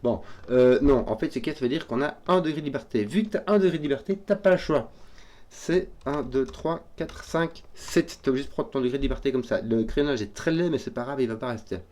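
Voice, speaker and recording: A man solving a number puzzle out loud, hesitant and often correcting himself as he works through it. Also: medium pitch. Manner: hesitant, self-correcting, halting. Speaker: puzzle solver. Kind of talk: thinking aloud while solving a puzzle.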